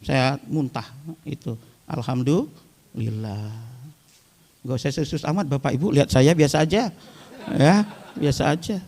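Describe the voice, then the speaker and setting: A man's voice: mid-range voice, unhurried, pauses often, a little mellow, in a large hall. A man, giving a humorous religious talk to a live congregation and telling stories while addressing the listeners directly. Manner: chatty storytelling, often addressing the listeners directly. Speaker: Islamic preacher. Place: weekly study gathering before a live audience.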